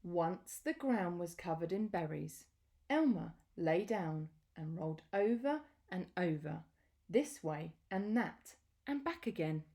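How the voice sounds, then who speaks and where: With a fairly low-pitched voice, a woman tells a children's picture book story aloud, deliberate and expressive with pauses.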